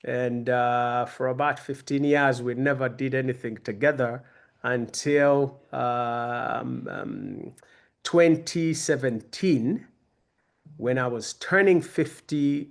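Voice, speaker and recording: A man in his fifties from Uganda, giving a conversational, self-deprecating personal talk to young people as a guest speaker. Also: medium pitch. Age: 50s.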